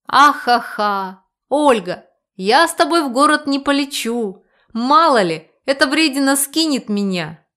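A woman voicing a young male necromancer in an audiobook, who mocks loudly and then pleads in a raised voice. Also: sits high, animated, measured pace, pitched above the performer's own voice, exaggerated voice. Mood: mocking laughter.

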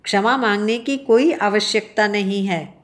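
A woman voicing a kind, gracious male king in a children's story, speaking gently and reassuringly. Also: medium pitch, unhurried, natural voice.

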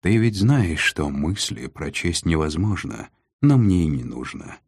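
A man voicing a calm, commanding male lord of darkness who speaks in a weighty, unhurried way. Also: sits low, creaky, breathy edge, no room sound, studio quality, heavily acted.

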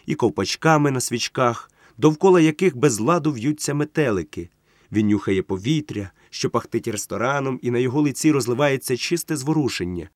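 Measured male audiobook narrator. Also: medium pitch, darkish tone, no echo, studio quality. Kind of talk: literary first-person narration.

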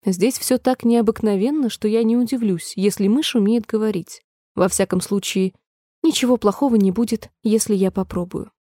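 A woman's voice: medium pitch, normal speed, dark tone, no room sound, studio quality, close to an everyday voice. A woman voicing a polite, chatty, fretful little girl in a storybook reading, sounding eager and apologetic.

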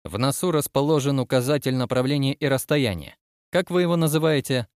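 A man's voice: medium pitch, fairly quick, a little mellow, dry recording, lightly acted. A fussy, stubborn starship captain, as a male audiobook reader puts him on, working through an inventory in a methodical, bureaucratic way. The voice sits in a middling register and is recorded dry and close. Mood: exasperated. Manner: patient then exasperated, bureaucratic.

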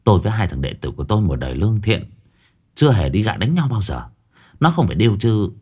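A man's voice: fairly low pitch, big pitch swings, fast talker, darkish tone, husky. A man doing a brash, cursing spirit medium. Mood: cheerful denial. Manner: blustering, then roaring curses. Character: brash tattooed male spirit medium, young.

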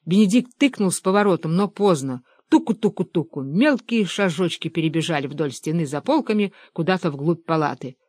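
A reader narrating a story as an audiobook in a steady storytelling manner. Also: mid-range voice, a little fast, hardly any pauses, no echo, clean studio sound.

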